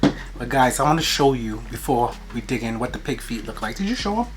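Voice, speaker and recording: A woman's voice: very deep voice, expressive, fairly quick, slight background noise. A woman hosting an eating show, chewing as she talks casually to viewers in playful, slangy, repetitive phrases. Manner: playful, repeats phrases, informal slangy speech. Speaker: mukbang host.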